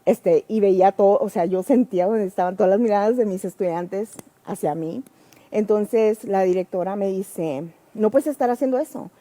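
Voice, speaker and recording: A woman's voice: mid-range voice, fairly even intonation, normal speed, warm tone. A woman teacher and trainer telling a personal story to a class in an earnest, reflective way.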